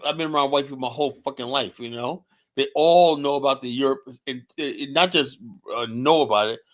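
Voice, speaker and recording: A streamer host with a mid-range, fairly bright voice offers heated political commentary. Blunt and repetitive, he fills pauses with "you know" and makes fun of people by mimicking their words in put-on voices.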